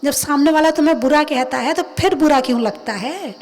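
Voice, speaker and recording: A woman's voice: high voice, darkish tone. A woman giving a religious sermon, talking conversationally and asking her listeners questions. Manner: acts out everyday voices in quick asides. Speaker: Jain nun preacher. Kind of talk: religious discourse.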